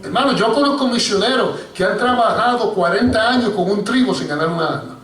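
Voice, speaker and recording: Briskly and in a high-pitched voice, a man delivers an animated sermon as pastor in a church hall. He tells a story and keeps calling out to his listeners as "hermano," and the distant recording echoes.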